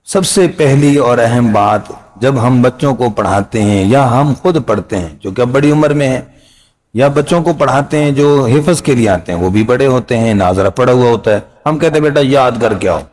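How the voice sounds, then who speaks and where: A middle-aged man teaching Quran reading in a casual spoken lesson, explaining patiently and repeating phrases and drawn-out letter sounds. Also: mid-range voice, a little mellow.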